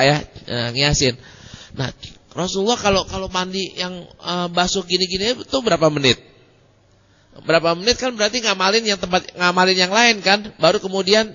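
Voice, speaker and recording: A man's voice: sits high, gravelly, sharp tone. A man giving a colloquial religious study lecture, rambling with many hesitations. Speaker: religious teacher. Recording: muffled recording in a reverberant hall.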